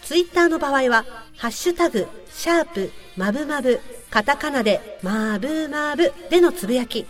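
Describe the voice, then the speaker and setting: A woman reading the show's closing announcements politely and clearly. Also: high voice, animated, normal speed, in a large hall, distant mic, soft background music.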